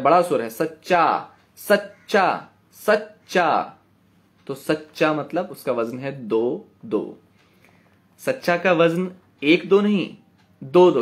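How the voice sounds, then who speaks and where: A man teaching a poetry writing class, patiently repeating words slowly to count their syllables and checking in with his students. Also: on the high side. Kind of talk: online class lecture.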